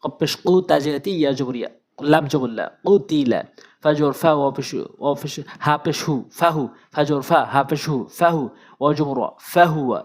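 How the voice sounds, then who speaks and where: A man teaching Quran reading, slowly spelling out Arabic syllables and repeating each one as a drill. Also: fairly high pitch.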